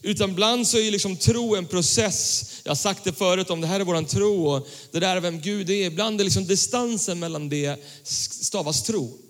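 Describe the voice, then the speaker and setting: A young male pastor preaching a casual sermon, reading scripture and talking in a relaxed, slangy way to his congregation. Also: high-pitched, few pauses. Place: church hall. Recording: church hall with long reverb.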